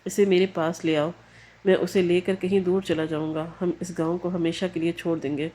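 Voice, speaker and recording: A woman's voice: on the low side, little pitch movement, mellow, a little hiss or hum, lightly acted. A woman voicing a beaten young male farmer who pleads desperately for his lost sister in a narrated story.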